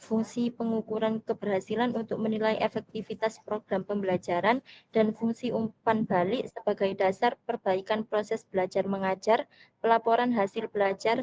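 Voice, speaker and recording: A woman's voice: medium pitch, steady tone, moderate pace, darkish tone. A young woman, a student presenter, reads her prepared notes steadily and formally. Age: young adult. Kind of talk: reading prepared lesson notes. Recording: dull, noisy classroom recording.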